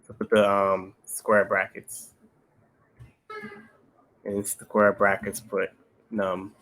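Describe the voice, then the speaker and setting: A man's voice: on the low side, completely flat delivery, slow, fairly bright tone. A young man casually walking through a coding problem step by step, laid-back and patient as he studies for interviews. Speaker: interview candidate studying coding. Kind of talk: casual pair-programming chat.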